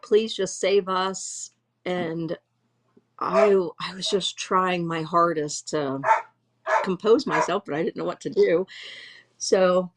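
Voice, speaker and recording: A middle-aged woman at home giving an emotional first-hand eyewitness account, halting and restarting as she speaks. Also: lowish voice, very noisy. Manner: halting, restarts often, voice full of distress. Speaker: eyewitness interviewee. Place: at home, dog nearby.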